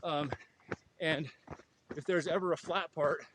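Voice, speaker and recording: A man's voice: fairly high pitch, fairly even intonation, measured pace. A man guesting on a podcast, talking casually with many ums and you-knows. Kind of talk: casual conversational advice. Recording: noticeable background noise.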